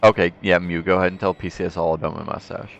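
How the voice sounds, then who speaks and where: A man's voice: low voice, steady tone, fast talker, creaky, highs cut off, faint music behind. A man streaming a game, joking and exclaiming as he reads the game text aloud. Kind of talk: let's play commentary and game text reading.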